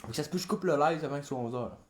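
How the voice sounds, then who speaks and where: A man's voice: a little high, racing, over music. A man with a Québécois French accent, a rapper chatting casually on a livestream and freestyling, rambling and swearing often.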